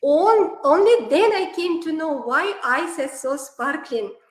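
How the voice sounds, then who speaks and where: A classical dancer from Kazakhstan, speaking as an online interview guest, narrates stories in non-native English with a Kazakh accent and plenty of fillers; Kazakh is her mother tongue. Her voice sits high and moves slowly, with a roomy sound.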